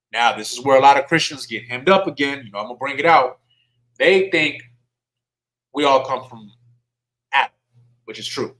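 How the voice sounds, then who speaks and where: A man's voice: medium pitch, fairly bright tone, low-quality recording. A man giving a sermon in a conversational way, reading scripture and asking his listeners questions in informal speech. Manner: conversational, asks the audience questions; informal speech with dialect words like y'all. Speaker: teacher at a religious service.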